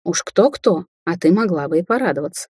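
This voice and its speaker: Woman voicing a scornful young witch daughter, husky, storybook read. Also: fairly low pitch, animated, a little fast, a little mellow, no echo, studio quality. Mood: mocking. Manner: sarcastic, taunting. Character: young adult woman sorceress, mocking daughter. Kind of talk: audiobook character voicing.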